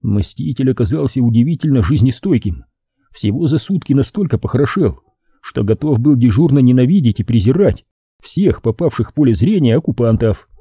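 A man reads an audiobook with wry, lively delivery. His voice is dark and husky, and his pitch rises and falls a great deal. The recording is dry and close. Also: brisk, dry recording. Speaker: audiobook reader. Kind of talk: audiobook narration.

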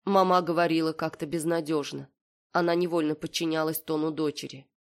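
A woman narrating an audiobook in a steady, measured reading. Her voice sits on the low side. She keeps an even storytelling tone.

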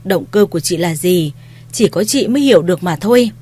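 A woman's voice: lowish voice, lively intonation, brisk, mellow, husky. A woman reading a story, voicing a stern elderly matriarch who harshly commands her family. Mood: harsh commanding.

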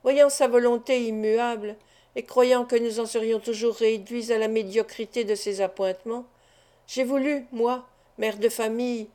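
Here a female reader lightly acts out a determined, suffering wife who pours out a sincere confession, part of a storybook reading of a classic novel. The delivery moves at a moderate pace with fairly even intonation. She has a warm, soft, mellow voice that sits fairly high.

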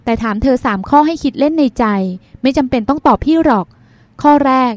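A wry older sister from an audiobook, a calm doctor who probes and lectures, as the woman narrator voices her. Her voice is high, and the recording is dry and close. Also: brisk, no echo, close to an everyday voice.

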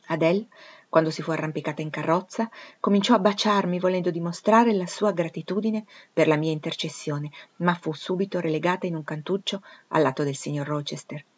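A woman reading a novel aloud with steady, clear narration. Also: lowish voice, fairly quick. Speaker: audiobook reader. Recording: dull, muffled audio.

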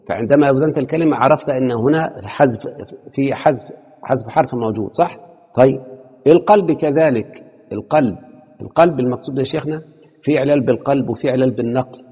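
A man's voice: medium pitch, breathy edge. A man with an Egyptian accent teaching a classroom lecture, quizzing his students with rhetorical questions and mixing formal speech with colloquial asides. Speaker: teacher of Arabic morphology. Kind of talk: classroom lecture explaining a text. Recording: dull, echoey hall.

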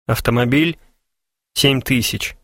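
A man's voice: medium pitch, takes it slowly, fairly bright tone, no room sound, studio quality. A man voicing a moody, jealous young man who has just come into money, speaking in an earnest, brooding way. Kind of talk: audiobook character voice.

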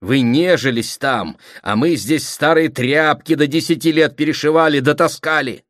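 A man's voice: fairly high pitch, normal speed, fairly bright tone, no echo, studio quality, voice pushed up, close to an everyday voice. A man voicing an aggrieved middle-aged sister who pleads and reproaches her brother, in an audiobook reading. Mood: reproachful.

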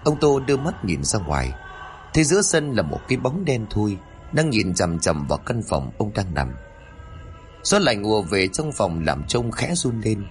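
A man's voice: lowish voice, big pitch swings, normal speed, faint music behind. A man narrating a horror story, reading in a dramatic, suspenseful way.

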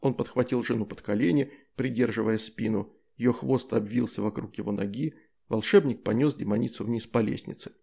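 A man narrating a fantasy story as an audiobook reader in a lively, character-driven way. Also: medium pitch, a little fast, vocal fry, breathy edge.

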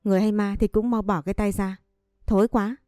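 A woman's voice: medium pitch, fairly even intonation, a little fast, dark tone, no echo, clean studio sound, soft background music, close to an everyday voice. A woman voicing a polite, shy nineteen-year-old maid in a storybook reading. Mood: indignant. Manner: polite, deferential.

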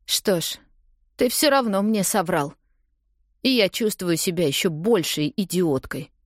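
A woman's voice: fairly low pitch, animated, a little slow, dry recording, studio quality, pitched above the performer's own voice. A woman reading an audiobook, voicing a hurt young woman who confronts her lover in a raised, pleading, accusing voice.

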